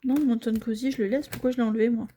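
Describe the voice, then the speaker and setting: Her voice a little high and warm, with fairly even intonation, a budgeting vlogger speaks very fast as she casually fills cash envelopes at home. She narrates each small task, keeps apologizing to her viewers, and now and then falls to a near-whisper.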